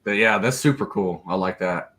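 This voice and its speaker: A man's voice: deep voice, normal speed, a bit bright. A man co-hosting a live stock market show, casual and jokey, laughing easily and speaking bluntly with some swearing. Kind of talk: casual livestream market chat.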